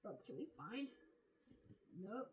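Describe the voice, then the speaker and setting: A woman's voice: mid-range voice, big pitch swings, slow pace, muffled recording. Woman, sick with fever and cough, rambling chat, cheap mic, faint background hiss. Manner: chatty, tired, talks to viewers as y'all. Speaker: reaction video host. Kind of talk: casual rambling commentary. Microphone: low-quality microphone.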